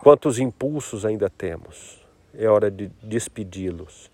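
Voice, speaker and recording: A man leading a guided meditation in a slow, soft-spoken, reflective way. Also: fairly low pitch, expressive, slightly rough, dry recording.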